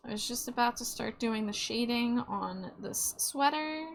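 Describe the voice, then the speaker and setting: A woman hosting a casual art livestream, chatting with viewers in an expressive, welcoming way. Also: a little high, unhurried, vocal fry. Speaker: streamer, host of an art livestream. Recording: music behind the voice. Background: music.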